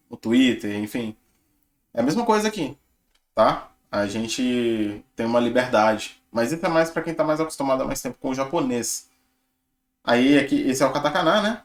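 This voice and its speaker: A young man, casually walking viewers through his notes on learning Japanese and chatting with lots of tag questions. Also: medium pitch. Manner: chatty, relaxed, filler-heavy with tag questions. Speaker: channel host sharing his Japanese study. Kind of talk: casual screen-share walkthrough.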